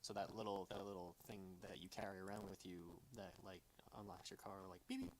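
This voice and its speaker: Young man, low-pitched and hesitant, noisy line. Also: little pitch movement, brisk. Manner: hesitant, many fillers. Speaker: podcast co-host. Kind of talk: casual chat. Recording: clear background noise.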